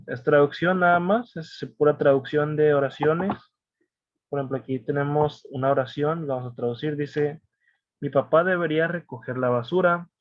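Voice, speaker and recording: A patient male English teacher explains step by step in an online class, correcting himself frequently. His voice is a little high, and the sound is dull with no echo.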